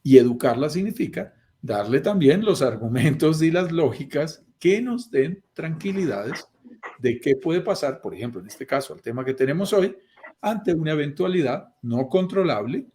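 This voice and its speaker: A man giving a lively motivational talk to a group, often acting out little quoted voices. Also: a little high, normal speed. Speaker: guest speaker. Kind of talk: motivational talk on a video call.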